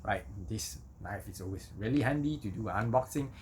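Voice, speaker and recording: A man's voice: on the low side, moderate pace, slight background noise. A man talking casually as an unboxing vlogger, conversational and often tagging phrases with okay and right. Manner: conversational, repeats himself with tag words like okay and right.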